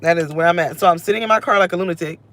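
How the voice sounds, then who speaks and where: Rapid-fire and restless, a female vlogger in her thirties vents into a phone camera held close while sitting in her parked car, cutting herself off as she rants without a script. Her scratchy voice is fairly low in pitch and a bit bright.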